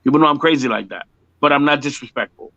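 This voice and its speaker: This man talks fast in a fairly high, sharp voice. He is a fifties-aged musician chatting informally in an interview, cracking jokes and repeating points for emphasis, captured dry on muffled, lo-fi audio.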